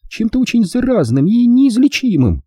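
A man's voice: sing-song, normal speed, dark tone, breathy edge, dry recording, studio quality, heavily acted. A man voicing a fiery, sarcastic young woman who bursts out in indignant lines. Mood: furious. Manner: shrill, indignant outbursts.

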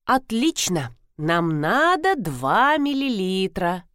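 A woman voicing a bustling, cheerful older mother-in-law in an audiobook, her voice jumping high when excited. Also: slow, no room sound, studio quality.

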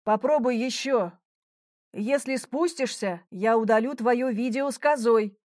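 A woman voicing a calm, easygoing young man who coaxes and soothes in an audiobook. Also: fairly high pitch, a little slow, no echo, studio quality, close to an everyday voice. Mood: coaxing. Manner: placid, coaxing. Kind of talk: audiobook reading.

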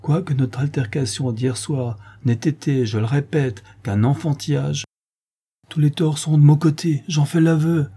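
A man voicing a gentle, generous young nobleman who speaks in an earnest, conciliating way. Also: on the high side, fairly even intonation, unhurried, slightly rough, voice pushed up.

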